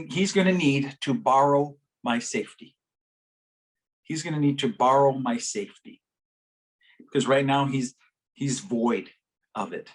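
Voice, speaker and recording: A man giving a workshop talk to a live audience, animated and expressive as he tells his story. His voice sits in a middle pitch, and he breaks into laughter and acted-out voices along the way. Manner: animated, acts out quoted voices with big pitch jumps; laughs as he talks. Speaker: workshop presenter. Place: conference workshop session.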